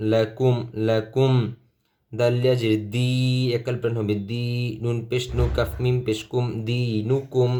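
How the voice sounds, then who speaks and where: A Bengali-speaking man teaching Quran reading, spelling out each letter and vowel slowly and deliberately. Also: medium pitch, mellow. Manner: slow, deliberate syllable-by-syllable spelling.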